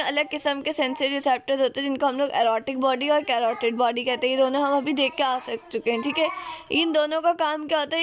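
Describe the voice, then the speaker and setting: A woman, teaching a recorded biology lecture. She works through diagrams step by step, asks questions and answers them herself, and fills her pauses with "theek hai" and "achha bhai". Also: sits high, a little hiss or hum.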